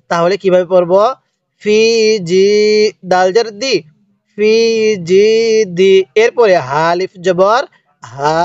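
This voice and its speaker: A man teaching Quran reading in a slow, step-by-step lesson, spelling out letters and syllables and having the listener repeat after him. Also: sits high, dry recording. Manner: stretches recited words very slowly. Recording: dry, dull lo-fi sound.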